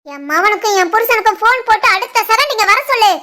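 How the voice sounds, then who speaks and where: In a full character voice, a woman plays an enraged middle-aged village mother-in-law for an animated family drama. Her delivery is fast, shrill, and scolding, with a Tirunelveli Tamil accent.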